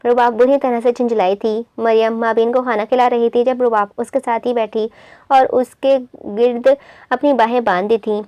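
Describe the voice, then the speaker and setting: A woman reading a romance novel aloud in steady storytelling. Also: on the high side, normal speed, no room sound, lo-fi sound. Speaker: novel reader.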